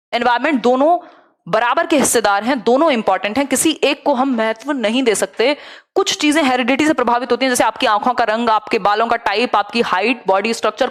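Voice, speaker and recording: A woman's voice: on the high side, fairly bright tone. A young adult woman with a Hindi accent teaching a live online exam-prep lecture, explaining with rhetorical questions and English terms.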